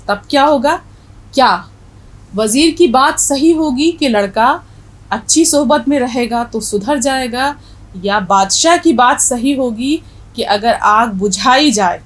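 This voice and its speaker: A woman Urdu teacher with a North Indian Urdu accent, explaining pronunciation as she spells words out slowly letter by letter. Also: on the high side, slightly rough, low-quality recording. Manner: stresses correct pronunciation, asks the viewer questions. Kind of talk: explaining a lesson.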